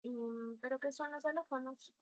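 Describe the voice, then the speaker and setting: A woman's voice: high-pitched, little pitch movement, normal speed, no room sound, poor audio. A woman student giving a class presentation, speaking hesitantly with fillers.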